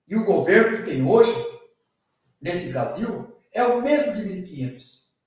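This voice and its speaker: A guest from São Paulo state, Brazil, speaks in an interview in an earnest, rhetorical way, frequently tagging his sentences with "né." His voice sits high and sing-song, a little slow and darkish in tone. He is off-mic and far away in a very echoey room.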